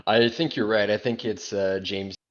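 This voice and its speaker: A man's voice: on the low side, steady tone, moderate pace, muffled recording. A man co-hosting a casual podcast, laid-back and jokey, swearing now and then. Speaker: podcast co-host. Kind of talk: casual chat.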